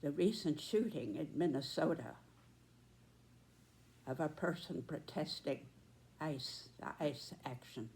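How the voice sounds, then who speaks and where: A woman in her nineties giving a prepared political commentary, speaking deliberately and emphatically in short measured phrases. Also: deep voice, expressive, a little mellow, a little hiss or hum. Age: 90s.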